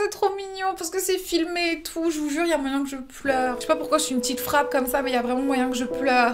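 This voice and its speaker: A young woman hosting a casual reaction vlog, gushing and exclaiming and mixing English words into her talk. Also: sits high. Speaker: reaction video host.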